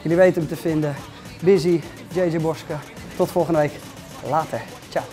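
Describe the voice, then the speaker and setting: A man's voice: fairly even intonation, moderate pace, over loud music. A man in his thirties hosting a casual gym vlog, joking and plugging a sponsor, recorded in a large gym. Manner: chatty, joking, pitches sponsor. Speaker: vlog host.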